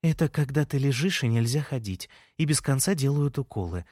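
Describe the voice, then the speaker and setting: A man voicing a calm, caring mother who speaks softly and soothingly. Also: medium pitch, brisk, husky, dry recording, clean studio sound.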